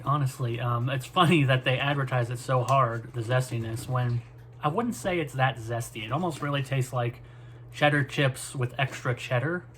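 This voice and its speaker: A man's voice: mid-range voice, fairly bright tone. Man, casual review chat, noisy background. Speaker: snack reviewer.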